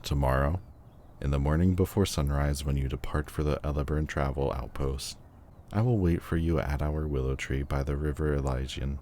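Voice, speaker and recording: A man playing a lovelorn lord general, voicing a farewell letter in a formal, slow, yearning way in an audio roleplay. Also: a bass voice, steady tone, warm tone, slight background noise. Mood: solemn yearning.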